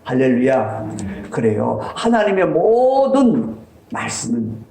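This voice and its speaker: A man's voice: medium pitch, big pitch swings, slow, vocal fry, warm tone, a little hiss or hum. A man preaching a sermon as pastor, emphatic and repeating his key points. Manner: emphatic, repeats key lines, voice swings up for stress. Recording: echoey church sanctuary.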